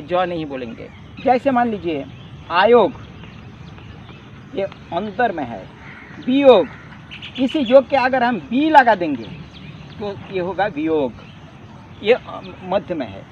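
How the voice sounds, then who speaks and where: A man with a high, lively voice teaches a yoga lesson, explaining earnestly and repeating key words. He sounds set back from the mic. The lo-fi recording carries a faint outdoor hum. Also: distant mic.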